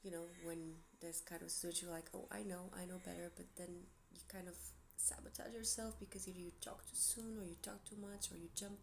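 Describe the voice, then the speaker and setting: Here the Portuguese woman talks fairly quickly in a lowish, flat voice with vocal fry, barely pausing as she meanders through a tarot reading on camera. She stays chatty, laughs lightly, and keeps her Portuguese accent. A faint hiss or hum sits under the audio.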